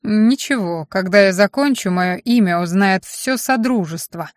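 A woman's voice: mid-range voice, a little slow, no room sound, natural voice. A woman reading an audiobook and voicing a fanatical, self-satisfied male mage who rants about gaining power. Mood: fanatical boasting. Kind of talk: audiobook character voice.

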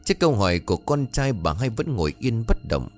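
A man's voice: medium pitch, big pitch swings, fast, darkish tone. A man narrating a ghost story and voicing its characters in the dialogue. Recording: faint music behind.

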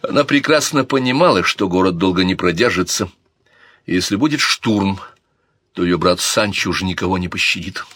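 A man narrating an audiobook with an expressive, theatrical delivery. His voice sits low. The recording is dry and close, with no room sound. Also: normal speed, no room sound.

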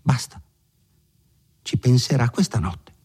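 A man voicing a sharp-tongued middle-aged female housekeeper, pushy and scolding, in a literary audiobook reading. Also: mid-range voice, slow pace, slightly rough, voice pushed up.

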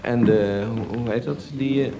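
Fielding questions as the expert on an informal radio show, this gravelly-voiced man talks at normal speed and a middling pitch. He works through his explanations step by step, hesitating and frequently searching for words, against a noisy background.

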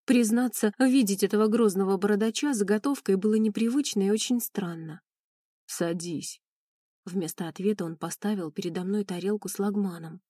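A woman's voice: mid-range voice, fairly quick, hardly any pauses, dark tone, no room sound. A woman reading a first-person audiobook in an emotional, mournful way, close to the mic. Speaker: audiobook narrator.

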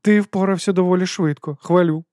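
Give me a man playing a cunning ruler, calm and dry, in a raised voice. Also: high voice, a little fast, dry recording, pitched above the performer's own voice, lightly acted. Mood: cool. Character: calm, cold, cunning male city ruler.

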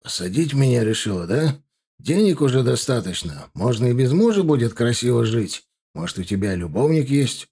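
A man voicing a furious middle-aged husband who hisses his words slowly and menacingly. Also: medium pitch, very animated, dark tone, husky. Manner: hissing, menacing, slow.

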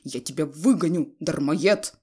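A woman voicing a furious, stingy middle-aged father who yells shrilly at his family, in an audiobook reading. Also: unhurried, breathy edge. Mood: raging. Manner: shrill yelling.

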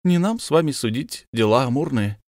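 A man's voice: medium pitch, expressive, brisk, darkish tone, no echo, clean studio sound, pitched above the performer's own voice, lightly acted. A man voicing a cautious, deferential army staff captain who speaks in hesitant, old-fashioned polite phrases.

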